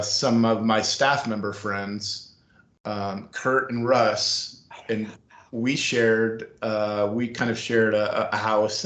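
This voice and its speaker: A middle-aged man telling a long story in an interview, acting out what people said. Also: mid-range voice. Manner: animated storyteller acting out quotes. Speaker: former school staff member, guest. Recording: roomy echo.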